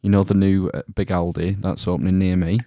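A man's voice: low voice, level tone, brisk, mellow, no echo, clean studio sound. A middle-aged man chatting casually as a comedic podcast co-host from inside a small trailer. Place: inside a caravan on holiday. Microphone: online call, close dry sound.

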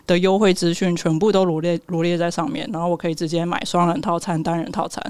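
Fast, high-voiced Taiwanese-accented man. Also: level tone, clear, resonant tone, no room sound. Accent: Taiwanese Mandarin. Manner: soft, cutesy Taiwanese lilt. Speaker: guest, app startup founder. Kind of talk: casual interview talk.

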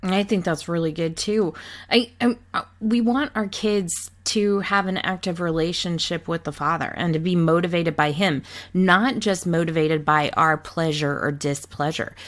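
A woman's voice: on the low side, moderate pace. A woman author answering interview questions in an earnest manner. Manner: earnest, fluent with some restarts. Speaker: author guest.

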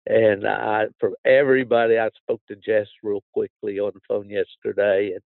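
A man's voice: on the low side, level tone, normal speed, vocal fry, no room sound, phone-quality sound. An older man hosts a casual outdoors podcast in a folksy, plain-spoken way. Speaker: podcast host.

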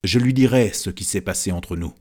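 A man's voice: fairly low pitch, brisk, a little mellow, lightly acted. A man voicing a chatty, teasing middle-aged wife and mother in an audiobook. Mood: playful. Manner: chatty, fond.

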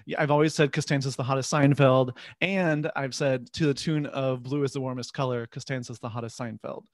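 A man co-hosting a podcast in casual comedic chat, playful with quick asides. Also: medium pitch, fairly even intonation, dry recording, clean studio sound. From lived in the American South. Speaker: podcast co-host.

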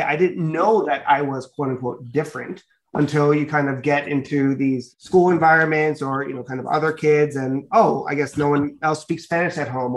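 A middle-aged man, raised in a Dominican family in the United States, answering interview questions earnestly and fluently, with many "you know" fillers. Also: fairly high pitch. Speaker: guest, media company executive.

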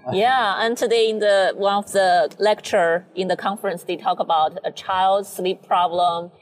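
A woman's voice: mid-range voice, fairly even intonation, moderate pace. A woman who works in a psychology clinic, interviewing a guest casually and filling her speech with "like" and "uh". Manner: lots of "like" and "uh" fillers.

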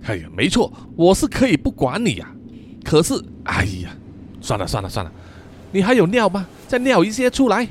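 A grim, stern village boy, as a male narrator puts him on who scolds in a cold, flat tone broken by weary, exasperated sighs. His voice sits near the storyteller's own range but comes out more hushed and severe. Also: high voice, normal speed, slight background noise, voice pushed up. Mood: cold scolding. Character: stern, cold dark-skinned local boy.

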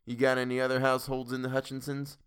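A man voicing a brisk middle-aged official running a village lottery, formal and businesslike. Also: medium pitch, completely flat delivery, fairly bright tone, clear, resonant tone, pitched above the performer's own voice, close to an everyday voice. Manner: brisk, formal, calling out names.

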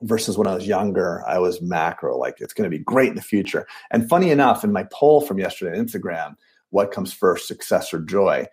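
A man in his late forties, a dentist guest talking in an animated, emphatic way on a podcast. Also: low-pitched, a little fast, breathy edge. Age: 40s. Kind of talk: casual podcast conversation.

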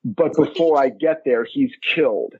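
A husky-voiced man chats casually and comically as a podcast co-host. The sound is dry and narrow, like a dull phone line. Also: medium pitch, a little slow, no room sound. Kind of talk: casual comic chat about an old TV show.

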